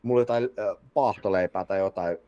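A man telling a story in casual chat, animated, swearing a lot and using many fillers. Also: low-pitched, lo-fi sound.

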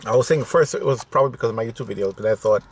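A food vlogger in his forties, medium-pitched, chats casually to the camera while eating crispy fish and chips in a car. He talks with his mouth full between bites, and the in-car camera audio is noisy.

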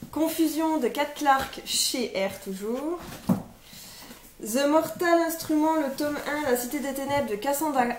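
A young woman vlogger casually presenting her book pile, hesitant and full of fillers as she names title after title. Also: sits high. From France. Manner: hesitant, many fillers, lists titles one by one. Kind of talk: casual chat presenting books. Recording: echoey room, faint noise.

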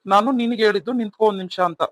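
A man's voice: high voice, steady tone, racing, no echo, lightly acted. [name], a man doing a stern young husband. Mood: scolding. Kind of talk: cartoon voice acting.

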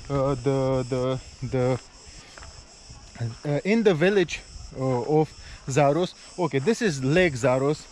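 A man's voice: fairly high pitch, a little mellow. A man, chatting casually as a travel vlogger on a forest trail and later while driving, with lots of fillers and restarts, filmed on an action camera held at arm's length. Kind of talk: casual travel vlog narration. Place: outdoors on a forest trail, then driving a car. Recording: noisy outdoor and car ambience.

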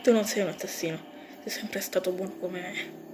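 A woman's voice: lowish voice, steady tone, moderate pace, lightly acted. Woman as an indignant young mouse sister. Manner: indignant, pleading. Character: young female mouse, shocked and defiant. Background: music.

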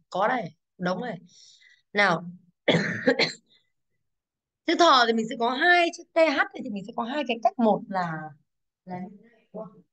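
Moving briskly through exam answers, this teacher speaks in a fairly high voice with a fairly bright tone. She emphasizes each English word and repeatedly checks that her class keeps up.

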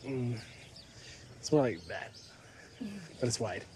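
An actor in his twenties playing a relaxed, curious young American man trying new words and food. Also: mid-range voice, slow, slight background noise, close to an everyday voice. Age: 20s. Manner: relaxed, curious, fumbling pronunciation. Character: young American man Dan, easygoing visitor. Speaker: lead character. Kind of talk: film dialogue.

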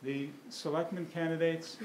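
Older man moderating in a roomy hall. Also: fairly high pitch. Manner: relaxed, halting, many fillers. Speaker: event moderator. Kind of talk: opening remarks at a public forum. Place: school meeting room, at a podium. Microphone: podium microphone. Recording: roomy hall with faint room noise.

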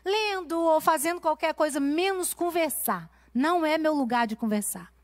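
A woman preaching to a women's conference with a high, bright voice. She swings her pitch and loudness up and down, mixing scripture with a personal story in a passionate cadence. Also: expressive, normal speed. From Brazil. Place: church.

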